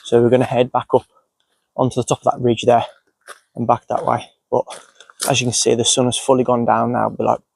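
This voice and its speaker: A man's voice: mid-range voice, monotone, fairly quick, vocal fry, a little mellow, husky, no room sound. A man sniffly with a cold, casually narrating his outdoor cooking as he goes, unscripted. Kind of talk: casual, unscripted narration while doing tasks. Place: outdoors in countryside.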